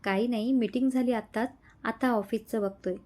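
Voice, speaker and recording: A woman's voice: on the high side, fairly even intonation, moderate pace, darkish tone, lightly acted. A woman voicing a busy young company boss who explains things in a matter-of-fact way. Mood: calm.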